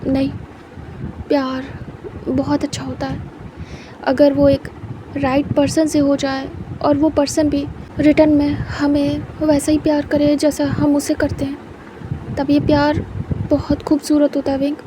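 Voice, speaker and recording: A woman voicing a soft-spoken young man who apologizes and consoles, sometimes stammering, in a story reading. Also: high-pitched, completely flat delivery, measured pace, pauses often, noisy background. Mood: gentle.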